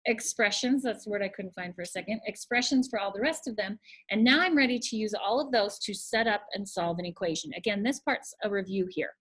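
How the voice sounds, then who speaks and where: A woman teacher explaining a math problem step by step in a recorded video lesson, patient and thinking aloud. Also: a little high.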